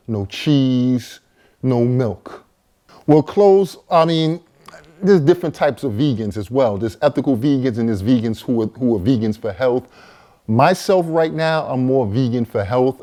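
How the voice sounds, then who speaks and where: A vegan chef and co-author in his forties tells his personal story straight to the camera, speaking casually with fillers and repeated words. His voice is mid-range with a dark tone.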